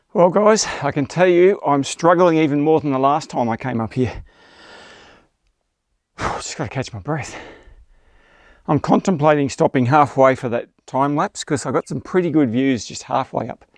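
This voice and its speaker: A man's voice: on the high side, dry recording. A man, telling a photography trip story in a chatty, self-deprecating vlog style. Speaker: landscape photographer vlogger.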